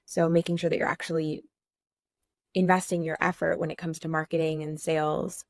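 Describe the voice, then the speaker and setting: A woman co-hosting an online course, explaining in a friendly, practical way with quick asides. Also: deep voice, level tone, dry recording. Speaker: course co-host. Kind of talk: casual course walkthrough.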